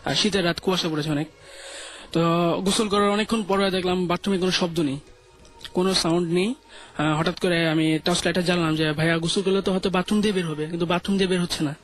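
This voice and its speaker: A man's voice: high-pitched, steady tone, fast, fairly bright tone, faint music behind. A young man with a Bangladeshi Bengali accent, telling a true ghost story on a radio show in a hesitant way, full of fillers and restarts. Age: young adult. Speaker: guest storyteller.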